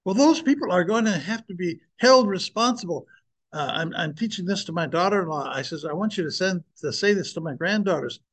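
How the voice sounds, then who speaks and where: A man's voice: high-pitched, animated, brisk, a bit bright. An older man speaking earnestly and with emphasis, preaching and sharing a personal testimony with his listeners.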